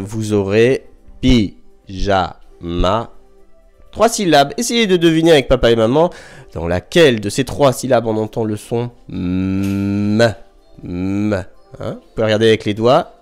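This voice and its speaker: A man who is a primary school teacher, giving a remote lesson to young children at home, speaking slowly and clearly, sounding out syllables and counting down before each answer. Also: mid-range voice, darkish tone. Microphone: microphone in front of a camera.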